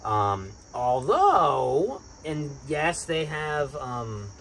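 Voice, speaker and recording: A man with a Boston accent, co-hosting a casual sports chat and getting excitable about his picks. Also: extremely slow, a little hiss or hum. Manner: excitable, bursts up in pitch when hyped. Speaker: sports podcast co-host.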